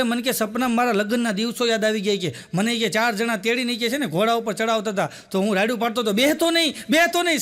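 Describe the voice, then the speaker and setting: A man's voice: extremely high pitch, fairly bright tone. A man telling stand-up jokes as stories, laughing at his own punchlines. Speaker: comedian.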